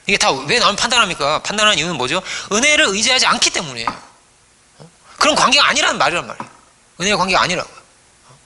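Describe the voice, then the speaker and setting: Lively, bright-voiced male pastor preaching. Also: high voice, very fast, a little hiss or hum. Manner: playful storytelling, acting out voices, frequent "어?" prompts to the congregation. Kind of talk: sermon.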